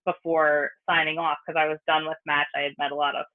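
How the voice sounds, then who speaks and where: A woman's voice: deep voice, little pitch movement, quick pace. Chatty woman on a phone-like line. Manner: chatty, informal, frequent "like". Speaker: podcast guest, wedding photographer. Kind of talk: casual interview chat. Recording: tinny phone-like remote line.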